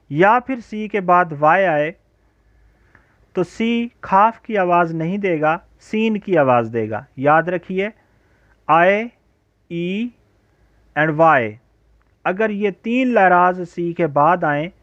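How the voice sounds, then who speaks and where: A man teaching an English lesson, drawing out his example sentences slowly and deliberately. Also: high-pitched, fairly bright tone, no echo. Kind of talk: recorded spoken-English lecture. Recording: dull, lo-fi home recording.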